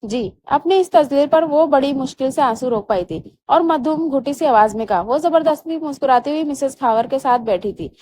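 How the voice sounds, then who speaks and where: A woman narrating a romance novel aloud in a steady storytelling manner. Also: sits high, moderate pace, few pauses, slight background noise.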